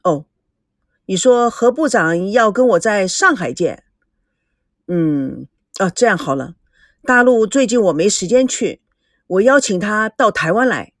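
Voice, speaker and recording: A woman's voice: medium pitch, expressive, a little slow, pauses often, dry recording, studio quality, pitched below the performer's own voice. A woman voicing a cold, curt middle-aged businessman who speaks in a clipped manner. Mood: businesslike.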